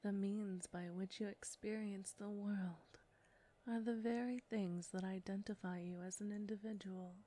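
A woman's voice: mid-range voice, fairly even intonation, warm tone, lightly acted. A woman voicing a whispering, taunting succubus. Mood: hushed seductive. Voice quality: whispery, breathy. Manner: slow, taunting, close to the ear. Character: seductive menacing female succubus, predatory and teasing. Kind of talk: erotic audio roleplay.

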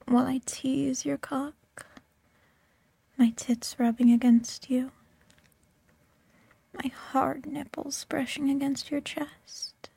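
Slow, breathy whispering woman. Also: sits high, level tone, dark tone. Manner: teasing, coaxing, mostly whispered. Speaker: audio roleplay performer. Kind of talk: whispered ASMR roleplay.

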